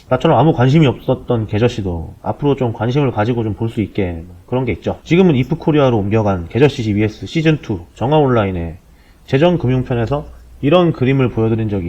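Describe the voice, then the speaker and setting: Low-bitrate recording of a fast-talking blunt man. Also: warm tone. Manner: blunt, irreverent, colloquial, with rhetorical questions. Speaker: host of an explainer show. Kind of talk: casual commentary explaining economics. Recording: low-bitrate, dull lo-fi audio.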